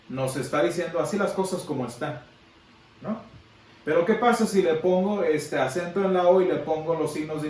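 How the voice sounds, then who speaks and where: A man's voice: a little high, darkish tone, recorded from a distance. Man teaching Bible class in echoey room. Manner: explanatory, asks the class questions. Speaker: Sunday school teacher.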